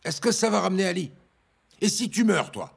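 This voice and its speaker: Dubbed TV drama: a pleading father, husky, high-pitched, lively intonation. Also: brisk, heavily acted. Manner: pleading, insistent, repeating commands. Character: anxious middle-aged father pleading with his son.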